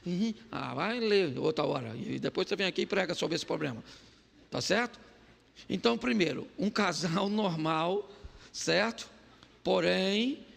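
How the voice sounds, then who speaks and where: High gravelly pastor preaching w jokes, bright voice, long church reverb. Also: male voice. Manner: animated, joking, asks the crowd "sim ou não?". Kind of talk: humorous sermon.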